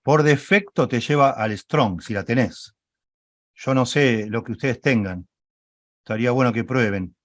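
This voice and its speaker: A man leads an online Bible study class, talking his listeners through software on screen. He explains patiently, keeps checking that they follow, and corrects himself as he goes. His voice sits at an ordinary male pitch in a dry, close recording. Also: measured pace, no echo.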